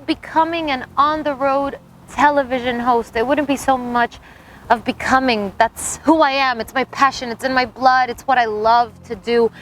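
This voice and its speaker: An American woman in her thirties, a TV host giving a talkative, upbeat audition pitch straight to camera. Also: a little hiss or hum. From United States.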